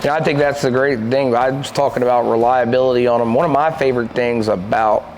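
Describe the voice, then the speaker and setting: A man in his thirties, a podcast co-host who manages a shooting club, chats casually in a lodge room with a stone fireplace. His medium-pitched voice moves quickly as he tells animated, rambling stories and gestures a lot. The recording is rough with slight background noise.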